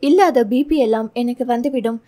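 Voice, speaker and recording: A woman's voice: fairly high pitch, moderate pace, lightly acted. Woman reading as a stern sarcastic male boss. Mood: irritated scolding. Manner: sharp scolding, sarcastic.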